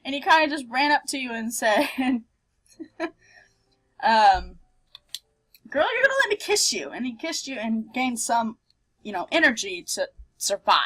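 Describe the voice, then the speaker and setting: A playful, expressive woman hosting a let's play, switching between reading game text aloud and casual commentary. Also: fairly high pitch, moderate pace.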